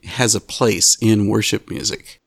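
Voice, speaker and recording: A man hosting a music talk show, giving scripted introductions and asking interview questions in a measured presenter's manner. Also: lowish voice, creaky, husky, no echo, studio quality. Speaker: radio show host.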